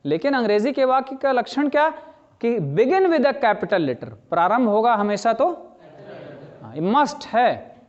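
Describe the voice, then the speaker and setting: A middle-aged man teaching a language lesson, explaining slowly, repeating key phrases and asking his students questions. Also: very high voice, sing-song. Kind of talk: classroom lecture. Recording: slightly dull lo-fi sound.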